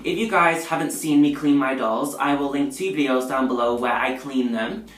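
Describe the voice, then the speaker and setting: A man's voice: medium pitch, fairly even intonation, normal speed, fairly bright tone. Chatty man in an echoey bathroom. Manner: chatty, filler-heavy, says "like" and "um" often. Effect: echoey tiled bathroom sound. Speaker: doll restoration vlogger. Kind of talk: casual rambling tutorial chat. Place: home bathroom by the sink.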